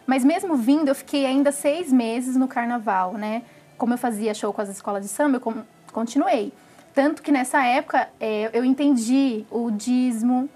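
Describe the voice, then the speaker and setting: A woman's voice: fairly high pitch, normal speed, a little mellow, husky. A young adult woman with a Brazilian Portuguese accent, giving an earnest, emotional testimony in an interview and often tagging her sentences with questions. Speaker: former samba dancer giving testimony.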